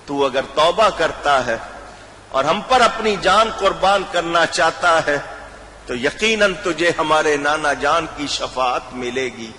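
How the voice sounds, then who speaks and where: Impassioned preacher in a reverberant hall. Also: male voice. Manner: impassioned, swells to loud cries then drops low. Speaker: religious scholar. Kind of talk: sermon storytelling. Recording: hall reverb with faint ambience.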